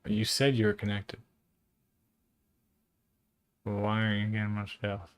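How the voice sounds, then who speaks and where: A man muttering and swearing at his software under his breath while he works at a computer. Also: lowish voice, completely flat delivery, unhurried, clear, resonant tone, no echo. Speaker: streamer fixing computers. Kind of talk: casual muttering to himself while working at a computer.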